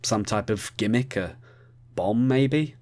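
A man's voice: lowish voice, slow pace, darkish tone. A man narrating a heist story from a script, now and then speaking straight to the listener. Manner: addresses the listener directly.

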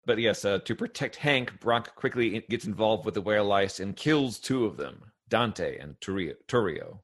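Man, thirties, lowish voice, casual podcast co-host, loose filler-heavy chat. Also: lively intonation, normal speed. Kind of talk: casual chat about a cartoon.

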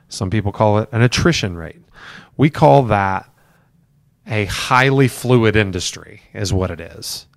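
A middle-aged man at a medium pitch, coaching new agents over a livestream. He talks in a conversational, emphatic way and circles back to restate his main points. The sound is dry and close, with no room echo. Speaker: real estate team leader and mentor. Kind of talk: live-streamed talk to new agents. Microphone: camera for a livestream.

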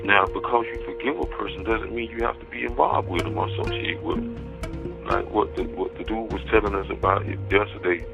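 A gravelly, creaky male voice squeezed through a thin prison payphone line. He rambles in a preachy way, leans on scripture, and slides into heated accusations. Music plays clearly underneath. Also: lowish voice, steady tone, brisk. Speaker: inmate on a prison phone call. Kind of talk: rambling phone talk. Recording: tinny phone line with music behind.

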